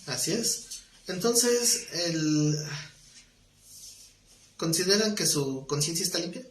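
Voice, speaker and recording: A man's voice: sits high, lively intonation, takes it slowly, echoey room, a little hiss or hum. A man teaching a Bible study class in a conversational way, telling stories with acted dialogue and asking the class questions.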